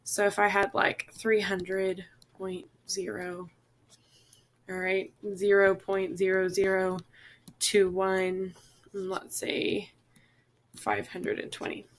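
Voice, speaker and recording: A woman with a hoarse voice teaches a chemistry class. She explains each step patiently and methodically, tying the steps together with a steady "all right" and "okay". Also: medium pitch, slow, pauses often. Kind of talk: classroom lesson.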